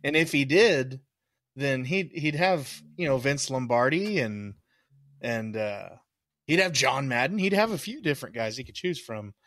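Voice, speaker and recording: A man's voice: medium pitch, expressive, measured pace, fairly bright tone, no room sound, studio quality. A young man co-hosting a podcast, telling a story in casual chat with hesitant fillers. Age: young adult. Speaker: podcast co-host.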